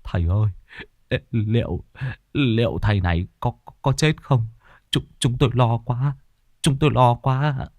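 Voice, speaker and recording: A man's voice: mid-range voice, a little slow, a little mellow, no room sound, natural voice. A man voicing an anxious older village man who trembles and stammers.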